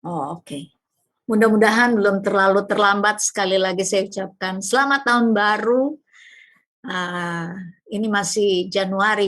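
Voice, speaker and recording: A woman pastor from Indonesia giving a devotional talk, telling a personal testimony in a conversational, storytelling manner. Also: medium pitch. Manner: conversational, warm storytelling with tag questions.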